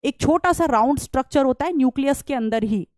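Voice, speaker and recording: High-pitched lady teacher, soft voice, chatty, asks then answers herself, dry close sound. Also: brisk, no room sound. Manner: explains step by step, asks and answers her own questions; chatty, calls students "beta". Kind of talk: online lecture.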